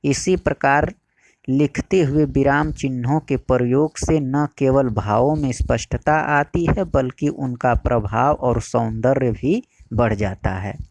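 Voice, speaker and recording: A man teaching a Hindi exam-prep lesson, explaining slowly and repeating key phrases. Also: mid-range voice, a little mellow, no room sound.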